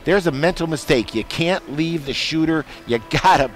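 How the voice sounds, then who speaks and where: A man giving color commentary after a basketball game, folksy and animated in his analysis. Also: on the high side, normal speed. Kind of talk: postgame sports analysis. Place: basketball arena broadcast booth.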